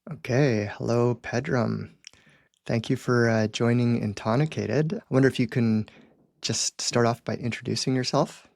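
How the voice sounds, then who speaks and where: A man hosting a podcast, reading a scripted intro and asking questions in a measured, polite way. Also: medium pitch, fairly even intonation, vocal fry, darkish tone, no echo. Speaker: podcast host.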